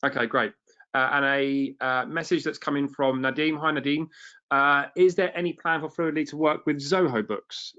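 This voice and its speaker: A man hosting a webinar, thanking the presenter and briskly reading out viewer questions. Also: fairly high pitch, fairly even intonation, pushed and bright, highs cut off. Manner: friendly, brisk, reads out questions. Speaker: webinar host.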